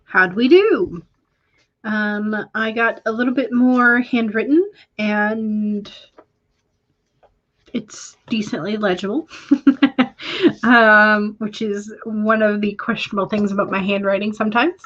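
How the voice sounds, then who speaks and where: A woman's voice: medium pitch, fairly even intonation, slow pace, long pauses, a bit bright, highs cut off. A woman hosting a casual writing livestream, chatting and reading viewer comments aloud with frequent ums and self-corrections. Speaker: writing stream host.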